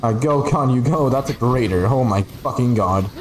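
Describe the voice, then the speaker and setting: A game streamer whose first language is Spanish gives casual, rambling livestream commentary in a medium-pitched voice at a moderate pace. He grumbles playfully and swears along the way.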